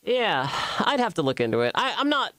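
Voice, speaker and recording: A man streaming and chatting casually, rambling and halting, laughing often at his own ideas. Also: high-pitched, very animated, sharp tone, no room sound.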